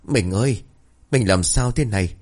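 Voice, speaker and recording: A man's voice: fairly low pitch, moderate pace, darkish tone, lightly acted. A man voicing a husband pleading with his possessed wife. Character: distraught young husband.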